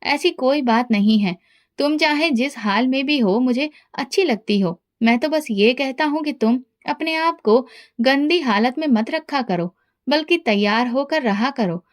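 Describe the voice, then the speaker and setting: A woman's voice: high voice, animated, a little slow. A woman reading a tender young husband. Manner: tender and coaxing. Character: gentle loving young husband and father. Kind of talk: storybook reading.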